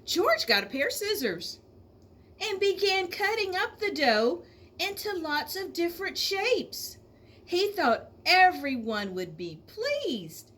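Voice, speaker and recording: Reading a children's storybook aloud the way an elementary teacher would, a woman speaks expressively to young listeners, stretching out words for emphasis. Her voice is extremely high, very animated, and a little bright.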